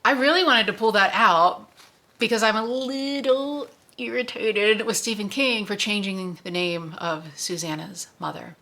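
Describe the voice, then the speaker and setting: A woman's voice: mid-range voice, a little slow, sharp tone. Chatty woman hosting a book club. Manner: chatty, self-correcting, conversational. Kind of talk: casual book discussion.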